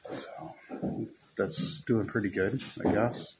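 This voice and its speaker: A man chatting casually while filming his goats in a barn, rambling slowly and sometimes cooing to the animals in a high voice. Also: steady tone. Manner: slow, rambling, talks to his goats in high baby talk. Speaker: goat farmer vlogger. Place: goat barn pen, indoors. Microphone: phone camera held by the speaker. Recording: noisy barn phone recording.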